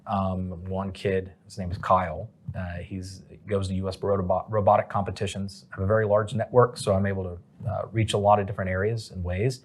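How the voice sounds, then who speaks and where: A man's voice: low voice, little pitch movement, fairly quick, hardly any pauses, a little hiss or hum. A man, a company president, answering interview questions in a casual, rambling way with many fillers.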